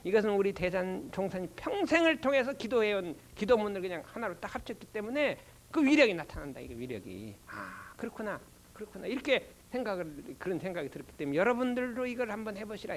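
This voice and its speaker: An older man, a Won Buddhist minister, giving a doctrine lecture with animated storytelling and rhetorical questions. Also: high-pitched. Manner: slow chanting recitation of prayer.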